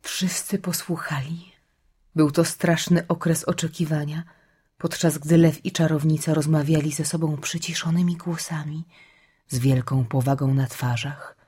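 A woman narrating an audiobook with steady, grave storytelling, sinking to a whisper at the hushed parts. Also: sits low, measured pace, breathy edge.

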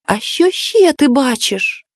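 A woman's voice: sits high, very animated, slow pace, dry recording, clean studio sound, heavily acted. A woman voicing a small boy who misses his mother, speaking in an eager, wistful, childlike way in a storybook.

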